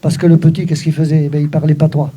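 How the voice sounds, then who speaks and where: An older man teaching Occitan, explaining a text with lively emphasis and frequent asides to his listeners. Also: fairly high pitch, fast, husky. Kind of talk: explaining a text in a recorded talk.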